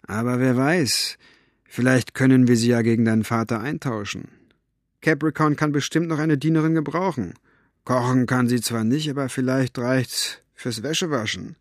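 A man voicing a sly, scornful grown man who speaks low and conspiratorially. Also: fairly even intonation, moderate pace, no echo, clean studio sound, close to an everyday voice. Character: sly, scornful male fire-juggler, secretive.

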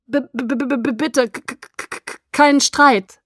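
A woman's voice: high-pitched, fairly even intonation, normal speed, fairly bright tone, no echo, clean studio sound, pitched above the performer's own voice. A woman voicing a freezing teenage girl in an audiobook, stuttering through chattering teeth. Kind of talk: audiobook character voice.

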